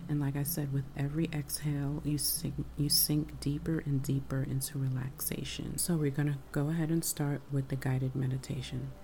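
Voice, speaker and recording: A woman's voice: rumbling low, flat delivery, normal speed, vocal fry, few pauses, dark tone, a little hiss or hum. A woman leading a guided meditation, giving soothing breath-by-breath instructions over music. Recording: music bed under the voice.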